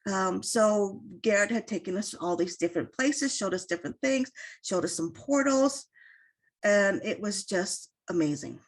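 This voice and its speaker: A woman's voice: mid-range voice, lively intonation, moderate pace. A middle-aged woman guest speaker telling a story in a casual, chatty way on an online call, with many fillers and quoted asides. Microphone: online video call.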